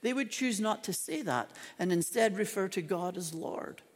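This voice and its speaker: Male preacher, high voice, dramatic and emphatic sermon delivery, long echo of a big hall. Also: expressive, moderate pace.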